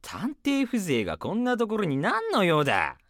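A woman playing a pompous, gruff, quick-tempered male mouse police inspector in an audio drama, imperious and blustering. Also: medium pitch, huge pitch swings, dry recording, clean studio sound. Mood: indignant, blustering.

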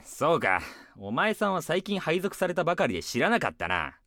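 A woman playing a pompous, gruff, quick-tempered male mouse police inspector in an audio drama, imperious and blustering. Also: low voice, big pitch swings, fairly bright tone, dry recording, studio quality. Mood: grave, gruff.

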